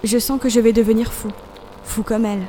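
A woman's voice: a little high, fairly even intonation, fairly quick, background noise, close to an everyday voice. A woman reading the part of a frantic young male count in an audiobook, speaking in anguished, desperate bursts over music.

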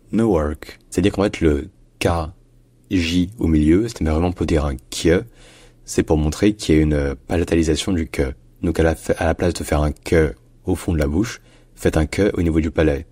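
A man giving a patient pronunciation lesson, slowing down to model each word. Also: extremely low pitch, dark tone, breathy edge, no room sound. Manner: patient, slows down to model words. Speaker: pronunciation teacher. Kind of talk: explanatory lesson.

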